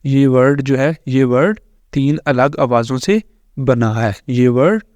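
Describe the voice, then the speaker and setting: Slow-explaining male teacher. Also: mid-range voice, darkish tone, dry recording. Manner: slow, repetitive explaining with frequent fillers. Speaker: English teacher. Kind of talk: screen-recorded tutorial explanation.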